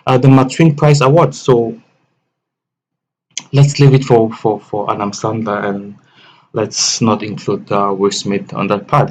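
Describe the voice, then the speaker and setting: A man's voice: mid-range voice, darkish tone. A man hosting a commentary channel, talking casually and rambling with repeated words and restarts. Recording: dull lo-fi mic with faint noise.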